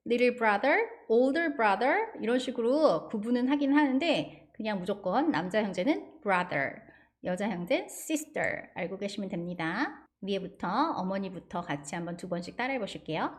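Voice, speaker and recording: A Korean-speaking woman teaching an English lesson, patiently drilling words for students to repeat. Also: a little high. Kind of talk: online English grammar lesson.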